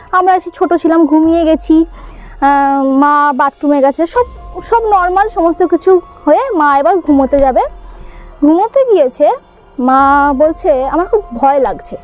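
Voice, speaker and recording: A woman's voice: high-pitched, darkish tone. A young woman recounting a childhood ghost experience in a casual, hesitant way, with many fillers and restarts. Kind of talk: casual spoken true ghost story.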